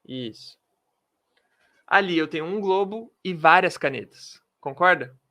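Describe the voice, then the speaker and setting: Slow, dry-voiced man teaching English. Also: high voice, bright, forceful tone, no room sound. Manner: slow, drilling pronunciation with repetitions. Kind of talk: video lesson. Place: room with pens and a globe.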